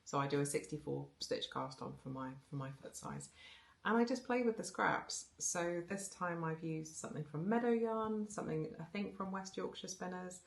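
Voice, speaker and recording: A woman's voice: lowish voice, lively intonation, moderate pace, gravelly. A woman with a Home Counties English accent who chats casually about her knitting, rambling with restarts. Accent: generic Home Counties English. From South Wales. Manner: chatty, rambling, with fillers and restarts. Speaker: knitting podcaster.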